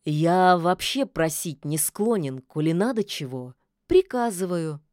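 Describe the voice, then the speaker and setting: A woman voicing a menacing, bored, quick-tempered immortal sorcerer who growls his commands. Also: on the low side, lively intonation, darkish tone, no echo, clean studio sound. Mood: cool, mocking. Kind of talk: audiobook character voice.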